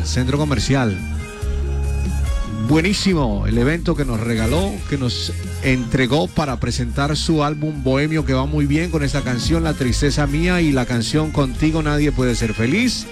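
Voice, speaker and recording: A Colombian man hosting a radio show, his voice gravelly and a little raised in pitch. He pushes a promotion with bouncing, sing-song energy, stretching out his exclamations, while faint music sits underneath. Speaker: radio host. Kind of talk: lively radio promo chat.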